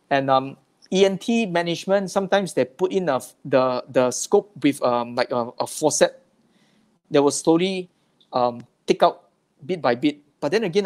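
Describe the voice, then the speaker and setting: A man's voice: on the high side, darkish tone. A man working as a speech therapist, giving a slide-based health talk in a plain, explanatory way and often repeating words.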